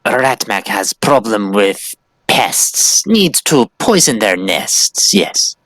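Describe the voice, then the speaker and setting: A man's voice: fairly low pitch, sing-song, takes it slowly, fairly bright tone, no room sound, heavily acted. A man voicing a small, sly rat creature that speaks in broken grammar and in the third person.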